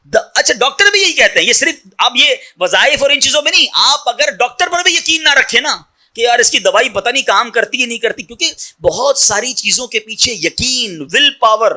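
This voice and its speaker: A man giving a sermon, telling a story with emotion and swinging between loud and hushed delivery. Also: extremely high pitch, expressive. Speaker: preacher.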